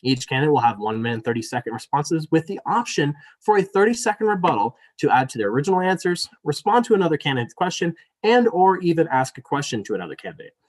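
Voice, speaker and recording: A man's voice: fairly high pitch, very animated, quick pace, hardly any pauses. A young man, a student elections director, moderating a debate over a video call. He is apologetic and chatty with many fillers, then reads the rules formally. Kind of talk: moderating a live virtual debate.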